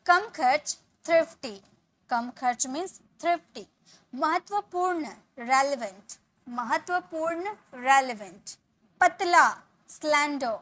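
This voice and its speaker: Bright high-voiced woman drilling English words. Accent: Indian English. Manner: drills each word slowly, repeating it. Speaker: English teacher. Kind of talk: vocabulary lesson.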